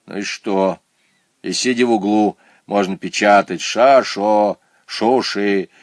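A man voicing a gloomy, clumsy male clown pupil who talks loudly and plaintively. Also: lowish voice, fairly even intonation, takes it slowly, dry recording, clean studio sound. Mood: stubborn.

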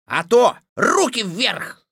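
A woman voicing a gruff, boastful male forest robber who lisps, in an audiobook fairy tale. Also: a little high, very animated, slow pace, fairly bright tone, no room sound, clean studio sound, pitched above the performer's own voice, heavily acted. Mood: menacing. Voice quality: lisping. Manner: gruff, menacing then sulky.

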